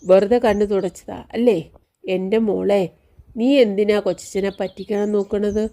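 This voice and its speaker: A woman voicing a frail bedridden old man who speaks softly and gently to his niece. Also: mid-range voice, little pitch movement, normal speed, close to an everyday voice. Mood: tender.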